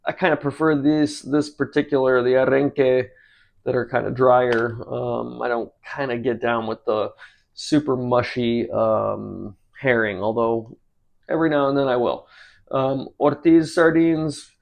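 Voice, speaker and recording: Here a US man in his forties who hosts a cooking channel talks casually while cooking, rambling and relaxed with frequent ums and uhs. His creaky, mid-range voice moves a little slowly.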